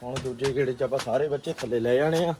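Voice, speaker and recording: A man giving casual, animated vlog commentary, often repeating short phrases. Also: mid-range voice, fast talker, a little hiss or hum. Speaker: pigeon keeper and vlogger.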